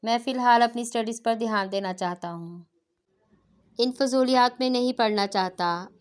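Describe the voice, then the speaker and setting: A woman's voice: on the high side, moderate pace, clean tone, natural voice. A woman reading the lines of a stubborn, studious young son in a novel, speaking indignantly and insistently.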